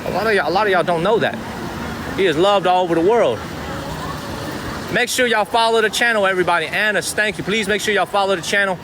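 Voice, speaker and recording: A man with a slightly high voice hosts a live street stream. He rambles chattily and repeats phrases for emphasis, over clear city traffic noise. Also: quick pace. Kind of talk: live vlog street chat. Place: outdoors on a busy city street.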